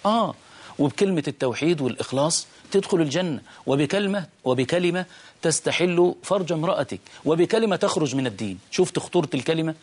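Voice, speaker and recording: A man with an Egyptian Arabic accent preaches at a rapid clip, his voice set a little high for a man. He tells a moral story with emphatic, fervent appeals, as a sheikh hosting a call-in show. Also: animated, a little mellow, breathy edge.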